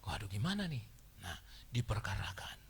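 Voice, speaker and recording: A middle-aged man preaching a sermon as pastor, animated, moving between hushed asides and loud exclamations. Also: lowish voice, moderate pace. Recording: reverberant church hall.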